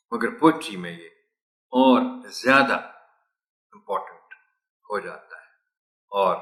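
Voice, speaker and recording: A man giving a teacher tutorial, mixing Urdu and English, explaining slowly and reciting poem lines with careful stress. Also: mid-range voice, fairly bright tone, roomy sound, rough recording. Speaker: teacher trainer.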